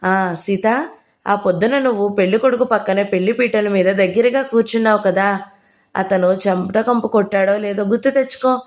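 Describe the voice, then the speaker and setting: A woman voicing an older woman writer who teases and scolds in a sharp, playful way. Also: medium pitch, normal speed, close to an everyday voice. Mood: teasing. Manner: teasing, scolding.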